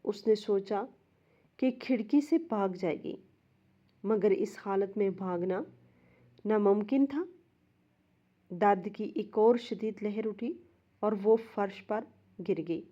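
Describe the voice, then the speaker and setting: A woman storyteller narrating a dramatic story in a steady, expressive way. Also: mid-range voice, pauses often, highs cut off.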